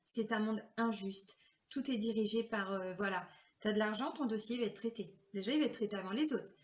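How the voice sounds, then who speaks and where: A woman's voice: mid-range voice, brisk, roomy sound. A woman telling her personal story in a chatty way, with many fillers, sometimes acting out the voices of others. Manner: chatty, lots of fillers, acts out quoted voices. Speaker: vlogger and card reader.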